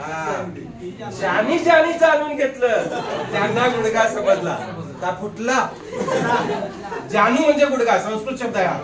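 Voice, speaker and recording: Lively teacher in an echoey classroom. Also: male voice, very high voice, measured pace, long pauses, recorded from a distance, crowd noise. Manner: lively, quizzes the class and jokes. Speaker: Marathi grammar teacher. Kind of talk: classroom lecture. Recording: echoey classroom recorded from afar.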